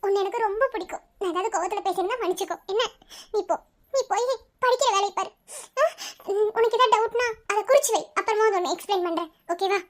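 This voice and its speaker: A woman voicing a young, emotional female college lecturer in a cartoon who scolds and then softens. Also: very high-pitched, fast talker. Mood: apologetic. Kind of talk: cartoon voice acting.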